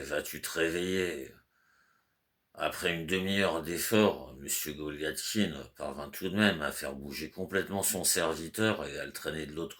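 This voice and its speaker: A man reading a classic novel aloud in measured, deliberate narration. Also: a bass voice, a bit bright. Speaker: audiobook reader.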